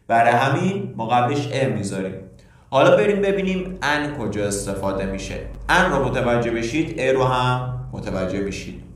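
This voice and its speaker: A man's voice: medium pitch, expressive. Echoey man teaching grammar. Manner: explains step by step with questions to the learner. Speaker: English teacher. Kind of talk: grammar lesson. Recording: very echoey room, distant mic.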